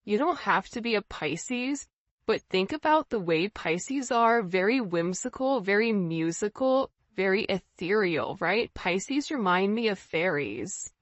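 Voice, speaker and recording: Here a tarot reader and host with a medium-pitched, expressive voice talks to the viewer in an informal spiritual reading, taking her time. She keeps it conversational, frequently asking "right?" or saying "you know." There's no echo, but the high frequencies are cut off.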